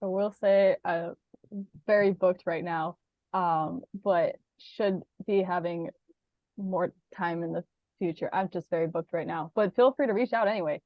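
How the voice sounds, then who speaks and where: A woman giving a casual online writing workshop, talking loosely with many pauses and fillers. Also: lowish voice, no room sound, highs cut off. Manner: relaxed, many ums, laughs easily. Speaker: workshop presenter.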